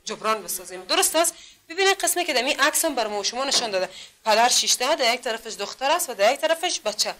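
A woman's voice: a little high, animated, bright, forceful tone, a little hiss or hum. A woman from Afghanistan teaching adults to read in a classroom, patiently drilling them with repeated questions. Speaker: literacy teacher.

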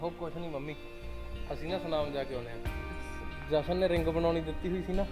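A man's voice: a little high, steady tone, music in the background, close to an everyday voice. An actor playing a short-tempered young husband scolding his relatives in a family drama. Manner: quick, scolding.

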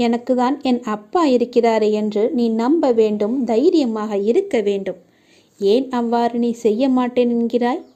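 Warm, gentle woman giving devotional counsel. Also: a little high. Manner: gentle, reassuring, addresses the listener directly. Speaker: devotional message reader. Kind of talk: devotional address spoken as a deity's message.

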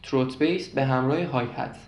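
A man's voice: medium pitch, fairly even intonation, a little mellow. Man teaching beatbox, echoey room. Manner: patient, repeats each step with demonstrations. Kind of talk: step-by-step tutorial explanation.

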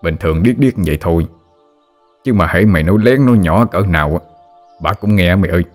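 A man's voice: sits low, quick pace, a little mellow, faint music behind, natural voice. A man voicing a teasing, grumbling father near sixty.

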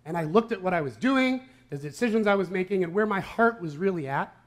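A man's voice: high voice, expressive, a little fast. A male pastor giving a conversational sermon with an Upper Midwest American accent, often checking in with "right?" and "okay?". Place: church sanctuary.

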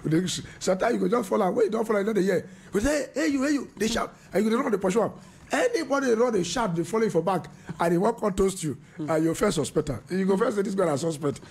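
A man's voice: sits high, animated, very fast, vocal fry, a little mellow, slightly rough. A man, a radio panelist chatting about relationships in Pidgin, laughing often and restarting his sentences. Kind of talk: casual radio discussion in Pidgin.

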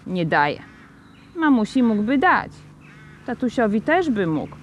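A woman's voice: fairly high pitch, very animated, takes it slowly, lo-fi sound, a little hiss or hum. A clever young girl, the sober big sister, speaks in a raised, level-headed voice, as a woman reading a storybook puts her on. She states things plainly and practically. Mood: matter-of-fact. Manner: sober, matter-of-fact.

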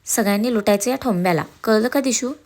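A woman's voice: a little high, quick pace, a little mellow, natural voice. Brief: woman playing a merry, teasing middle-aged aunt in a spoken story. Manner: teasing, laughing.

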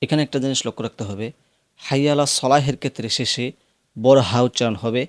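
A man with a Bangladeshi accent teaching how to pronounce the call to prayer, explaining the rules plainly and then chanting long, drawn-out phrases as examples. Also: mid-range voice, steady tone, dry recording, studio quality. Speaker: azan teacher. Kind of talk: instructional teaching with sung demonstrations.

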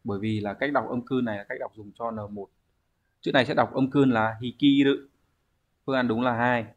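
A man's voice: mid-range voice, steady tone, a little fast, lo-fi sound. A man, teaching a language exam review lesson, explaining step by step and answering his own questions.

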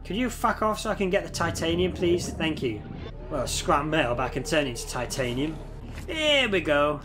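With music playing behind him, a gameplay streamer in his thirties chats at normal speed in a slightly high voice that is very animated. He has a head cold and a stuffy, nasal sound, curses at the on-screen creatures, and speaks into a headset.

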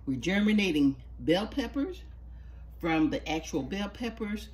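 An animated woman with a mid-range, slightly mellow voice speaks a little slowly as she narrates a home gardening how-to on starting seeds. She works with her hands in her sunroom, patient, homey and chatty.

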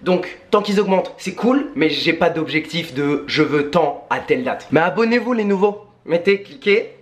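A young man from France, a sports vlogger, casually telling stories to camera with lively asides. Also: on the high side, moderate pace. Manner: lively storytelling, animated asides. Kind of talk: casual vlog narration.

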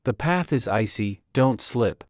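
Lively-toned man reading practice sentences. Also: medium pitch, unhurried, dry recording, clean studio sound. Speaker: English practice reader.

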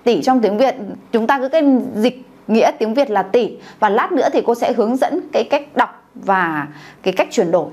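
A woman with a fairly high voice leads a beginners' language lesson. She checks in with the class through frequent questions and has them say each word back to her. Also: expressive, moderate pace, darkish tone. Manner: calls on the class to repeat aloud, checks with questions. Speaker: Chinese teacher.

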